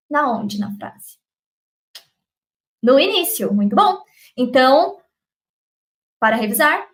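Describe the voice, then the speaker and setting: A woman's voice: high-pitched, fairly bright tone. A woman with a Brazilian Portuguese accent teaching an English class on a live stream, upbeat, often checking in with her students. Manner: upbeat, checks in constantly with "ok?" and "beleza?". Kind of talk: live online English lesson.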